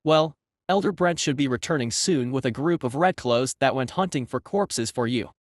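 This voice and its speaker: A man voicing a composed young woman cultivator who speaks in a monotone. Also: mid-range voice, moderate pace, no echo, natural voice. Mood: calm.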